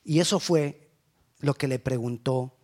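A man's voice: mid-range voice, measured pace, a little mellow. A man preaching a sermon with fervent, repetitive rhetorical questions.

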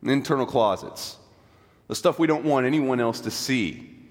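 A man preaching a sermon as pastor, his voice hoarse and sick, talking in a conversational, self-deprecating way. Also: mid-range voice, normal speed, long reverb tail.

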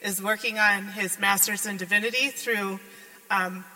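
An upbeat, excited woman making a welcome announcement and introducing a preacher to a church congregation. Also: mid-range voice, moderate pace. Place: church sanctuary. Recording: reverberant hall with music behind.

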